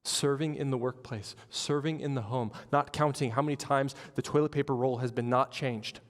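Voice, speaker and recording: Male pastor, mid pitch, animated sermon delivery, reverberant church hall. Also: moderate pace. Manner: animated storytelling with acted-out quotes.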